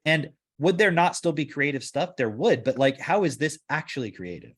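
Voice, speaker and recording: A man's voice: on the high side, expressive, moderate pace, fairly bright tone. A man hosting a casual podcast discussion, rambling and filling his talk with "like" as he works through his points. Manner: rambling, heavy use of "like". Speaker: podcast host.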